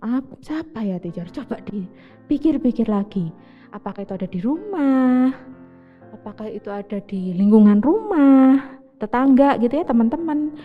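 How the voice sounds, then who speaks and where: A woman's voice: fairly high pitch, normal speed. A young woman teaching a children's lesson, acting out little dialogues between kids. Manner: lively, switches into child voices for examples. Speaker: Sunday school teacher. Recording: dull roomy recording with soft music.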